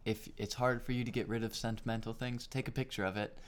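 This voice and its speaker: A man's voice: medium pitch, little pitch movement, fast talker. A man chatting easygoingly as a podcast guest, often laughing. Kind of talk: casual chat.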